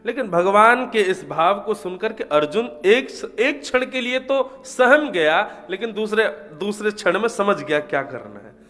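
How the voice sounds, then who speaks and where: Man, devotional storyteller, high voice, animated telling, faint guitar behind. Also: measured pace, few pauses. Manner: animated telling, voices the characters, chants verses.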